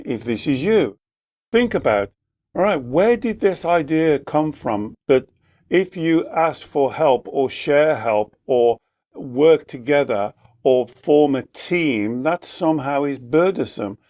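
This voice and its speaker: A man working as a life coach and podcast host, teaching in a slow, emphatic way and repeating his key phrases for effect. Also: fairly high pitch, lively intonation, a little mellow, dry recording, studio quality. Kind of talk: reflective teaching talk.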